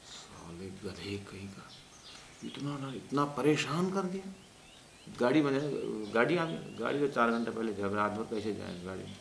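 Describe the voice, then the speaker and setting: A man teaching a class, telling a personal anecdote in a rambling way, correcting himself and pausing with fillers. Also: lowish voice, expressive, creaky, fairly bright tone. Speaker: religious teacher. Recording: roomy echo, faint background noise.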